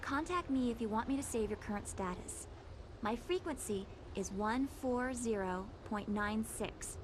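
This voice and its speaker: A woman plays an eager young female data specialist in a video game. Her voice sits fairly high, with polite, overacted anime-dub delivery. There is clear noise behind her. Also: a little slow, natural voice. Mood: earnest, instructive.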